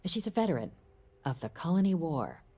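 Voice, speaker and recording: Game role: crisp deputy diplomat, woman, low mellow husky voice. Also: big pitch swings, a little fast, exaggerated voice. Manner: formal, briefing tone. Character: brisk female deputy diplomat, middle-aged, composed. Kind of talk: video game dialogue.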